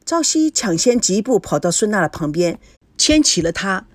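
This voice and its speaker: A woman's voice: mid-range voice, moderate pace, no room sound, clean studio sound. A woman narrating a romance novel as an audiobook, voicing each character in turn. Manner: expressive, voices each character.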